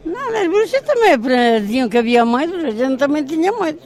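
A woman's voice: sits high, sing-song, fairly quick, a little mellow. A woman in her sixties with a rural northern Portuguese accent, speaking informally as a village storyteller.

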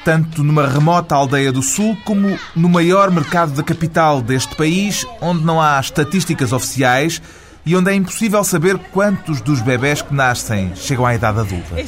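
A man reading a scripted documentary voice-over in a measured, descriptive way. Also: on the high side, lively intonation. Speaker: reporter narrator. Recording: music bed under voice-over.

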